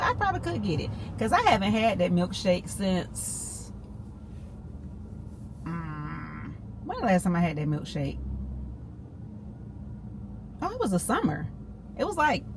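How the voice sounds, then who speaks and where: Chatty woman in her fifties. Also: lowish voice. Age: 50s. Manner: chatty, talks straight to viewers as "y'all" and "girl". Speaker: vlogger. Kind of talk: casual car vlog chat. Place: in a car. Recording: noisy car ambience.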